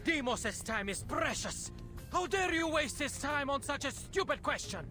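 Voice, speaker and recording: An actor playing a fanatical male cultist in a game, shouting insults. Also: extremely high pitch, lively intonation, measured pace. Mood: furious. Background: game music.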